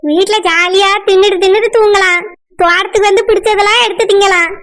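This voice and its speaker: Woman doing cheeky high-pitched village kids. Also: steady tone, fast talker, fairly bright tone. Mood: scheming. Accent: southern Tamil. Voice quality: cheeky, playful. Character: cheeky scheming village children. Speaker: cartoon voice artist.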